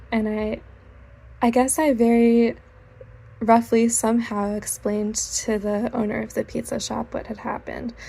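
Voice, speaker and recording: A woman's voice: on the high side, vocal fry, a little mellow, slightly rough. Chatty young woman telling a story. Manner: rambling, self-correcting, chatty. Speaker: artist vlogger. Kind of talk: casual storytime while drawing.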